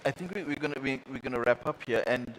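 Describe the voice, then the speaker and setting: A man's voice: medium pitch, quick pace, fairly bright tone, slight background noise, rough recording. A man moderating a panel dialogue, gracious and formal, with frequent stammered restarts. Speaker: moderator, host.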